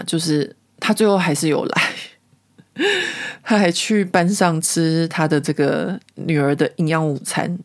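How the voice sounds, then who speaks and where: Gravelly Taiwanese woman, chatty storyteller. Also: sits low. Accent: Taiwanese Mandarin. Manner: chatty and lively, laughs often. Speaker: podcast host. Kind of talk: casual storytelling monologue.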